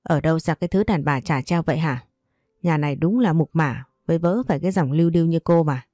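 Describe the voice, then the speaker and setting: A woman's voice: deep voice, quick pace, warm tone, dry recording, studio quality. A woman voicing a harsh, domineering mother-in-law who scolds and insults, in a storybook reading. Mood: furious.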